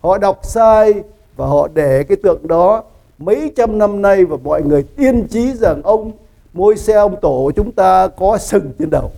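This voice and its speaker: A man preaching a sermon in a church, his voice high and gravelly with a dark tone. He teaches in an animated way, quizzing his listeners and laughing at his own jokes. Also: moderate pace, rough recording. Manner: animated teaching, asks the congregation questions; laughs often, joking asides. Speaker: pastor.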